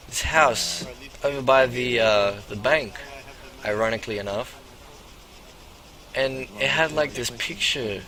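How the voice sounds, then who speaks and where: A man's voice: mid-range voice, pushed and bright. A man doing a brash swaggering pimp. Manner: swaggering, profane, rambling storyteller. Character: boastful swaggering male pimp character. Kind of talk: in-character game role-play monologue.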